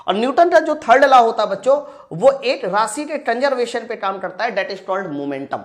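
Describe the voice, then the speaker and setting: A physics teacher runs an exam-prep lesson, working through problems aloud and speaking straight to his students. He poses questions and then answers them himself. His voice is very high-pitched and expressive, and he keeps a moderate pace.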